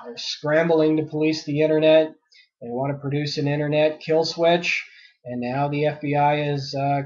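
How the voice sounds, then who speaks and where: Male news podcast host, fairly high voice, indignant and filler-heavy, slightly sick and coughing, dull lo-fi sound. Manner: indignant, reads articles aloud then rants, many uh fillers. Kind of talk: solo news commentary podcast.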